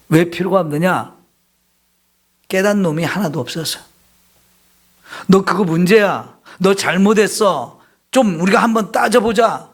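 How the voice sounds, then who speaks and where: High-voiced man preaching a sermon. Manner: emphatic preaching, acts out confessions in raised voice. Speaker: pastor. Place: church.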